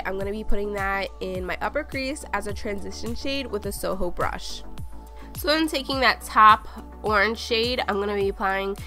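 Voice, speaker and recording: A woman's voice: on the high side, bright, forceful tone. A woman chatting casually as a beauty vlogger, a little out of breath, narrating each makeup step as she works.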